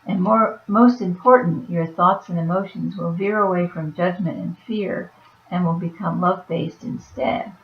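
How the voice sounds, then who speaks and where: A woman's voice: lowish voice, moderate pace. A woman with a weak, fading voice reading oracle cards aloud and adding offhand comments. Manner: soft-spoken, reads then comments offhand. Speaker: oracle card reader. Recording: roomy, dull lo-fi sound.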